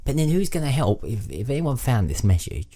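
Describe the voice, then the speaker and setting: A man's voice: mid-range voice, sing-song, brisk, mellow. A man hosting an improvised comedy podcast, rambling in a mock-serious way. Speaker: podcast host.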